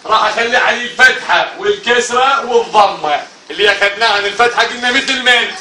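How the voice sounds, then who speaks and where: A man with an Iraqi Arabic accent animatedly teaches a primary class, drilling the children with repeated call-and-response questions and often calling out loudly. His pitch is extremely high and he talks fast. A distant camera mic picks him up in an echoey classroom full of loud children's chatter and noise.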